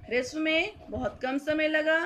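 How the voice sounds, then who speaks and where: Female teacher, slow careful explanation, faint background noise. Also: high-pitched, a bit bright. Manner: slow, careful, repeats key points. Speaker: Hindi grammar teacher. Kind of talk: classroom lesson.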